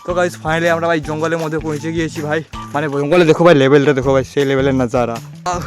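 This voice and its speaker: A young man narrating an outdoor forest vlog, excitable and constantly calling out "bhai". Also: on the high side, very fast. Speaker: vlogger. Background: music.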